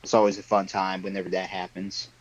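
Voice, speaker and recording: A man's voice: sits low, monotone, fast, no echo, highs cut off. A man chatting casually with friends on a group call, rambling with lots of fillers. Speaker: podcast panelist.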